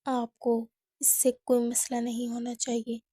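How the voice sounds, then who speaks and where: A guarded young woman, voiced by a woman narrator answers curtly and stands her ground. The voice sits a little high and mellow, with a dry, close sound. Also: monotone, unhurried, slightly rough, dry recording. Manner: curt, refusing. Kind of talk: audiobook character reading.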